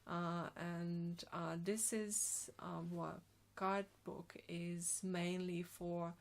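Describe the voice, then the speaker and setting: A woman in her forties from Slovenia, with a Slovenian accent, answering interview questions about her design work with many pauses and ums. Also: on the low side, little pitch movement, gravelly. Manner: hesitant, many ums and restarts. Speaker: graphic designer, guest.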